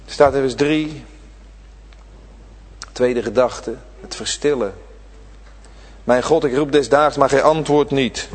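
A man preaching a sermon to his congregation, swinging between loud, drawn-out emphasis and quiet, low asides. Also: in a large hall, a little hiss or hum. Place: church.

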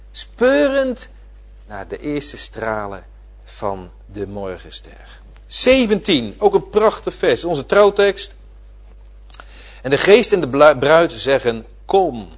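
A man preaching a sermon, repeating his phrases and swinging from loud declarations to quiet asides. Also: medium pitch. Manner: emphatic, repeating phrases with swelling and dropping volume.

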